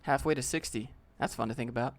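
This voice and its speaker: A man's voice: medium pitch, fast talker. A man in his late twenties with a youthful-sounding voice, hosting a laid-back, joking live Q&A and reading viewer questions aloud. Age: 20s. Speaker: live-stream host. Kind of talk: casual live-stream Q&A.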